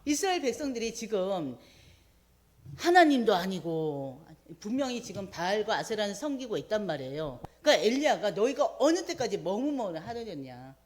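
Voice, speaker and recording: A woman preaching a midweek sermon, retelling a scripture story with animated voices for the quoted prayers. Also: medium pitch, moderate pace.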